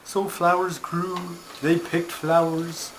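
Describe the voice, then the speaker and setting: In a noisy amateur home recording, a man performs comic scripted storytelling as a pompous, schoolmasterly turtle puppet who narrates in a ponderous, formal, easily put-out manner. His fairly high, fairly bright voice is flat and slow, with measured storytelling.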